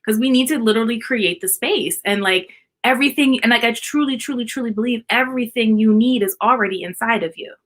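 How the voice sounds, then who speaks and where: A woman's voice: a little high, fairly quick, hardly any pauses. A woman speaking as an art therapist guest in a casual live-stream chat, explaining earnestly and repeating key points for emphasis.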